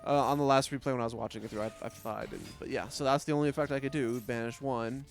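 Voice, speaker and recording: A man's voice: medium pitch, steady tone, fast, creaky, soft background music. A man giving casual gameplay commentary, swearing often, mocking his opponents and laughing between plays. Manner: profane, trash-talking, laughs often. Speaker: gaming commentator.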